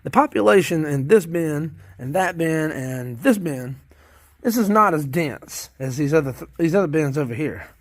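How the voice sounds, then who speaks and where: A man's voice: a little high, animated, normal speed, no echo, clean studio sound. A man with a Southern American accent chatting casually to viewers in a vlog about his worm bins, rambling and repeating himself in a folksy way. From Southern United States. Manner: repeats phrases, restarts often. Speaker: worm farmer vlogger.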